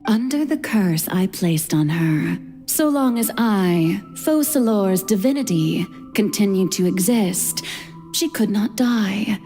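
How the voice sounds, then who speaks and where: A woman voicing a composed, regretful goddess woman in a video game, with a measured, solemn delivery. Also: mid-range voice, lively intonation, warm tone, soft background music.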